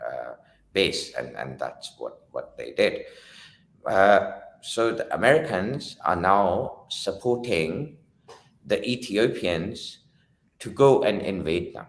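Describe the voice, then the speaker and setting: A man hosting a casual political discussion who talks haltingly and often repeats his opening words. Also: rumbling low. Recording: roomy echo.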